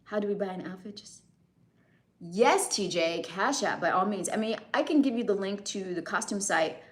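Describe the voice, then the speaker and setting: Laughing readily as she replies to her chat, a young American streamer keeps the conversation casual and chatty. Her medium-pitched voice is expressive and moves at normal speed.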